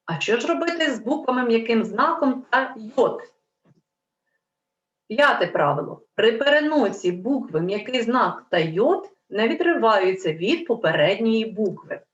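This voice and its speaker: A woman teaching a language lesson to young children, reading example words slowly and clearly. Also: fairly high pitch, sing-song, reverberant, highs cut off. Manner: slow, clear, drawn-out word dictation. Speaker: primary school teacher.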